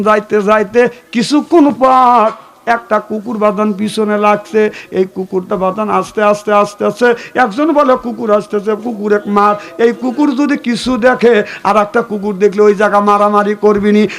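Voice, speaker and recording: In a waz sermon delivered at a moderate pace, a Bangladeshi preacher chants his story in a sing-song manner. He bursts into sudden high exclamations and prompts the crowd to respond.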